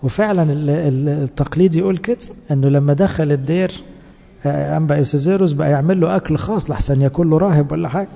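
A man's voice: a little high, rapid-fire, creaky, warm tone, a little hiss or hum. A man with an Egyptian accent preaching to church servants, earnest and exhorting, full of rhetorical questions. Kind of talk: sermon. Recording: dull lo-fi recording in a reverberant hall.

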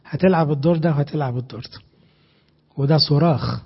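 A man with an Egyptian Arabic accent preaching a sermon, emphatic and animated, asking his listeners rhetorical questions. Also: on the high side, fast talker, vocal fry, husky, lo-fi sound.

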